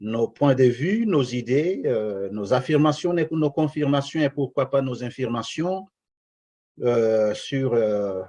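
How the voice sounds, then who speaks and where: Slow, hesitant Congolese man. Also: medium pitch, lively intonation, warm tone. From eastern DR Congo. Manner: slow and deliberate, many hesitations. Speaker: guest. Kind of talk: radio interview.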